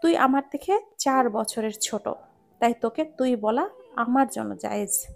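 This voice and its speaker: A woman reading a storybook romance aloud, voicing a hot-tempered young husband who scolds gruffly. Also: fairly high pitch, unhurried, soft background music. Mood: angry.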